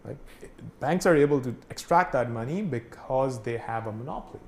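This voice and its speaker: A man's voice: medium pitch, expressive, normal speed, a little mellow. A man from Pakistan explaining things in a casual conversational way, full of fillers and "right?" checks. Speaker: instructor. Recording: echoey room, faint noise.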